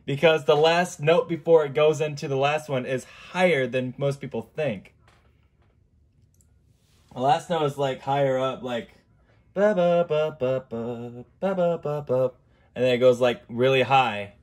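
A man hosting a casual live stream, chatting in a rambling, halting way full of fillers over a video chat mic. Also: mid-range voice. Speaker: streamer host. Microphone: video chat computer mic.

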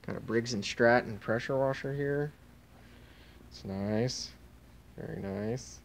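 A creaky mid-range male voice, unhurried, narrates over slight background noise. He carries a phone camera through an indoor warehouse and tent, casually listing auction items and trailing off mid-phrase.

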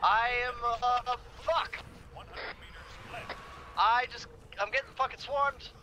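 Male co-op gamer, high register, casual and foul-mouthed, noisy voice-chat recording. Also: slow, bright, forceful tone. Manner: sweary. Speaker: teammate in a co-op shooter. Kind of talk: casual in-game team chat.

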